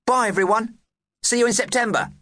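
A man voicing a cheerful young schoolboy in a storybook reading, with a bright, chirpy delivery. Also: very high voice, brisk, no room sound, clean studio sound, voice pushed up. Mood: cheery.

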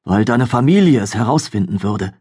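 A man voicing a worried older sister who speaks in tense, hushed tones in an audiobook. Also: medium pitch, animated, moderate pace, breathy edge, no room sound, studio quality. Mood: insistent.

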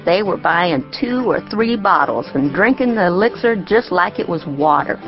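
A woman's voice: lowish voice, expressive, moderate pace, dull audio, faint music behind, close to an everyday voice. A woman voicing a plainspoken ten-year-old country girl, telling her story in audiobook style with artless, rustic grammar. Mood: matter-of-fact. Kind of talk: first-person audiobook character narration.

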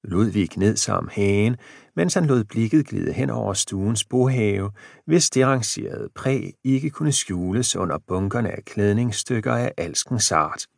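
Gravelly male audiobook narrator. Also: fairly low pitch, lively intonation, no room sound, clean studio sound. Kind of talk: scripted narration.

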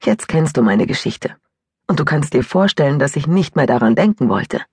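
A woman's voice: deep voice, expressive, normal speed, a little mellow, breathy edge, no room sound. Audiobook character: woman reading a young woman confessing her past, rueful, close and dry. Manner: rueful, sighing confessional telling. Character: troubled young woman recalling a broken engagement.

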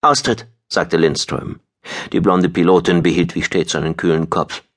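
A man narrating a sci-fi audiobook in a steady, measured storytelling voice. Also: low voice. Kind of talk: scripted narration.

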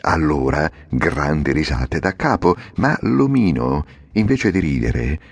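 A man's voice: a bass voice, lively intonation, slow, breathy edge, dry recording. A man reading a classic children's novel aloud as an audiobook narrator, in a theatrical, vivid storytelling manner. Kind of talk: scripted narration.

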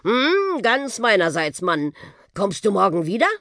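A woman's voice: medium pitch, very animated, a little slow, a bit bright, dry recording, studio quality, pitched above the performer's own voice. A woman voicing a cheerful, show-off old male talking bus in a children's audiobook. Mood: cheeky. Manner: cheerful, show-off, breathless boasts.

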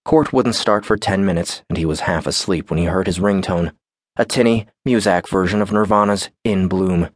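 A man narrating an audiobook in scripted narration with a measured, even delivery. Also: low-pitched, dry recording, studio quality.

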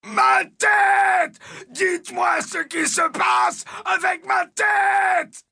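A man's voice: fairly high pitch, expressive, measured pace, creaky, a bit bright, breathy edge, no room sound, clean studio sound, pitched above the performer's own voice, exaggerated voice. A man voicing a panicked old professor in an audiobook, his voice strained, shrieking and broken. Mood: shrieking terror.

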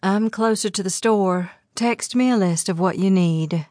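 A woman's voice: medium pitch, a little slow, a little mellow, dry recording, natural voice. Woman voicing a restrained woman in her late thirties. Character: woman of 38, startled, dutiful fiancée. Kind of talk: audiobook character voice. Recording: dry close studio sound.

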